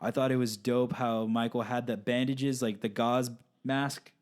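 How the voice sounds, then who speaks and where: A man talks through a film ranking in a loose, casual way. He rambles, with many fillers and restarts, in a voice of middling pitch. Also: fairly even intonation, a little slow, a little mellow. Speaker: podcast co-host.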